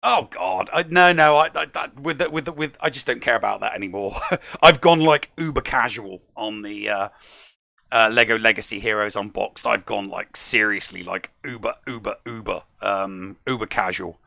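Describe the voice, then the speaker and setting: A man's voice: on the low side, moderate pace, creaky, sharp tone, no echo, clean studio sound. A man co-hosting a gaming podcast in chatty, emphatic speech, often repeating words for stress. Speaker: podcast co-host. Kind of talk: upbeat gaming podcast chat.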